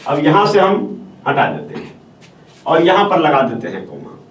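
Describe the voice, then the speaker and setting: Teacher lecturing in an echoey room. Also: male voice, on the high side, very animated, normal speed. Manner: explains step by step, repeats phrases, often says "ठीक है". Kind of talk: classroom lecture on answer writing. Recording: echoey room, voice from far off, faint hiss.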